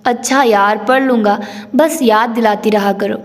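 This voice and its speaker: A woman's voice: fairly high pitch, fairly even intonation, unhurried, natural voice. A woman voicing a playful, teasing young husband in a romance novel reading, with a long hall reverb. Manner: teasing, bantering.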